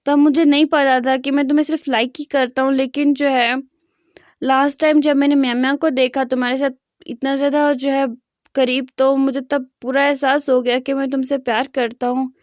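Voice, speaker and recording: A woman's voice: sits high, little pitch movement, moderate pace, no echo, studio quality, lightly acted. A woman voicing a nervous young male boss who earnestly confesses his love in a storytelling video. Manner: hesitant, earnest.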